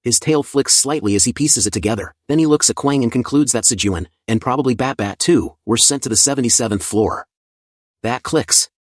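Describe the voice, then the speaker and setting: A man's voice: mid-range voice, brisk, no echo, studio quality. A man narrating a comic story recap in a casual, conversational scripted style with chatty asides.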